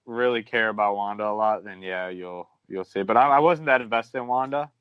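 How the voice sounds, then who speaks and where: A man's voice: fairly low pitch, brisk, fairly bright tone, clean tone, no echo. A man chatting as a guest on a film podcast, hesitant and stammering, full of restarts and jokes. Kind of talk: casual chat.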